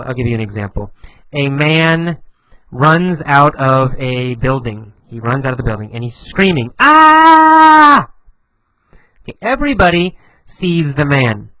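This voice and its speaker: A man teaching English vocabulary, explaining slowly and patiently, repeating phrases with lively emphasis. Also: fairly high pitch, no room sound, low-quality recording.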